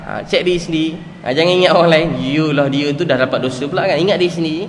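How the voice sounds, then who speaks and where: A man's voice: fairly high pitch, racing. A middle-aged man with a Malaysian accent preaching a sermon to a congregation. He tells earnest stories, repeats key phrases and asks rhetorical questions. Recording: echoey hall, faint background noise.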